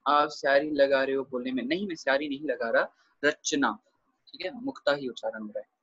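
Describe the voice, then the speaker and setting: A man's voice: mid-range voice, quick pace, a bit bright, slightly rough, no echo, highs cut off. A man teaching a grammar lesson over a video call, explaining patiently and checking in often with his students. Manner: explains patiently, checks with frequent "theek hai".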